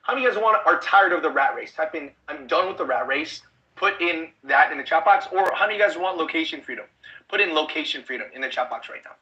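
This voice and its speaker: A man from the Chicago suburbs giving an online sales webinar pitch, pushy and constantly asking the audience if they are following. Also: lively intonation, fast, sharp tone, highs cut off. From United States, Chicago suburbs. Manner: pushy, repeats rhetorical check-in questions. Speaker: online business trainer.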